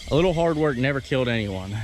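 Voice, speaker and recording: A man's voice: mid-range voice, expressive, quick pace, a little hiss or hum. Laid-back man talking while wrenching. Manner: laid-back, chatty, lots of "uh" fillers. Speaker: car vlogger. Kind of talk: casual how-to commentary while working. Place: outdoors on gravel by an engine hoist.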